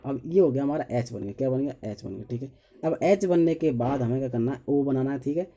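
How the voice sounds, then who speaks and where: A man's voice: medium pitch, brisk, mellow. A man teaching an engineering drawing lesson step by step. He counts lines aloud as he draws, says 'okay' after nearly every step, and asks himself questions before answering them. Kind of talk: step-by-step tutorial while drawing.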